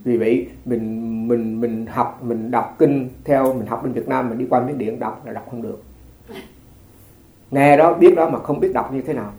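In an echoey room, a man teaching a congregation as a Buddhist monk shares chatty stories in an informal dharma talk, often restarting and laughing lightly. He speaks at a medium pitch and moderate pace, with a slightly mellow tone.

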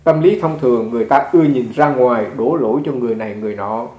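A man's voice: medium pitch, fast talker. A man, a Buddhist monk, giving a conversational dharma talk full of stories and repeated words. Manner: conversational, repeats words, animated when retelling. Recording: echoey room.

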